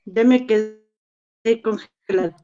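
A high-voiced middle-aged woman calls in to a live online show over a shaky video call. Her call keeps dropping out, so the audio turns choppy and robotic, and words break off mid-syllable before she starts them again. The connection sounds dull and lo-fi throughout. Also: steady tone, takes it slowly, mellow, no room sound. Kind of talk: personal story told over a video call.

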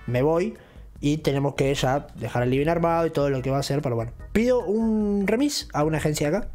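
A young man with an Argentine accent, casually telling a long, rambling story and acting out what people said. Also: fairly high pitch. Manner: rambling, animated retelling with acted quotes. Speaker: channel host.

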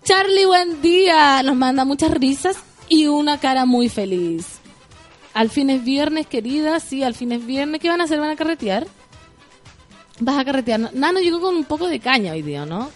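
A woman with a Chilean accent hosting a radio show, chatting loudly and playfully in slang and reading out listener messages. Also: sits high, expressive, normal speed, faint music behind. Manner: loud, playful, slangy, bursts into song.

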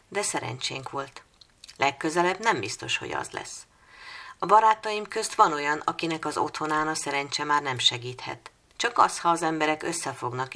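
Woman reading solemn child, mountain village, storybook, urgent, gravelly low voice. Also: bright, forceful tone, heavily acted.

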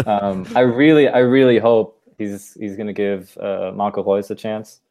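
German-accented man, flat low voice. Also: a little slow. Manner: thoughtful, explains at length with restarts. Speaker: podcast co-host. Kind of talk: casual sports discussion.

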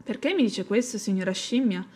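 A woman voicing a timid, stubborn young female seagull in a shrill, pleading voice. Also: animated, brisk, lightly acted.

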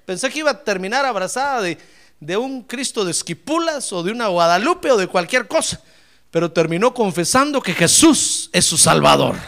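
A male pastor preaching a sermon, fervent, swinging from loud exclamations to quiet asides and often addressing his listeners directly. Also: high voice, sing-song, moderate pace, creaky. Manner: repeatedly addresses listeners as "hermano".

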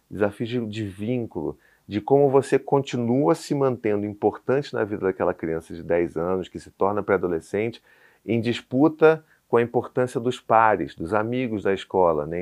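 A man in his thirties with a Brazilian Portuguese accent, a podcast guest telling a story in casual chat and acting out the dialogue. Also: fairly low pitch. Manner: animated storyteller, acts out dialogue. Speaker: podcast guest, father of four.

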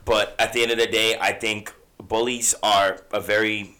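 A man in his thirties co-hosting a casual podcast, animated and profane, swinging from soft asides to loud bursts. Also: lowish voice, normal speed. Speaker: podcast co-host. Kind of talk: casual chat.

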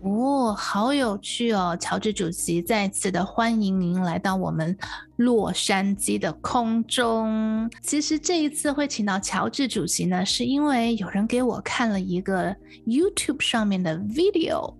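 A woman's voice: medium pitch, expressive, measured pace, gravelly, soft background music. A woman hosting a radio interview, addressing listeners and her guest with frequent exclamations.

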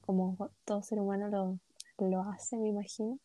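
A woman's voice: mid-range voice, little pitch movement, normal speed, warm tone, no room sound. A young woman with a Chilean accent, co-hosting a casual podcast, hesitant and self-deprecating, with many fillers. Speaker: podcast co-host.

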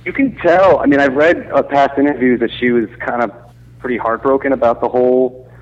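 A man's voice: mid-range voice, brisk. A man calling in over the phone as a guest interviewer, chatting casually with some fillers. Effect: heard over the phone. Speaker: guest caller, entertainment interviewer. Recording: dull lo-fi phone audio.

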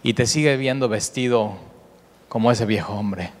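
Man preaching in an echoey hall. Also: moderate pace. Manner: animated preaching, often repeats words, rises in pitch for emphasis. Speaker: pastor. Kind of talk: sermon. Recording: echoey hall with long reverb.

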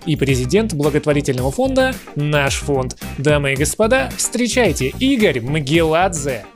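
An announcer reading a scripted guest introduction, slow and emphatic on the key phrases. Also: mid-range voice, sing-song, soft background music. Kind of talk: scripted introduction over music.

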